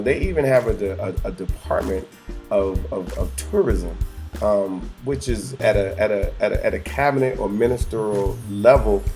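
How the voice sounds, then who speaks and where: A man's voice: on the low side, a little mellow. A middle-aged man from North Carolina chatting casually about his travel business, with many fillers and stumbling repeats. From North Carolina, USA. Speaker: travel company co-founder. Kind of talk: casual promotional chat.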